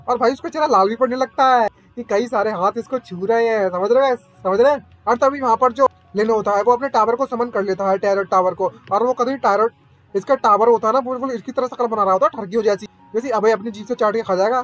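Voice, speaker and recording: A man narrating an anime recap in a casual, excitable way, with slangy joking asides. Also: very high-pitched, quick pace, faint music behind.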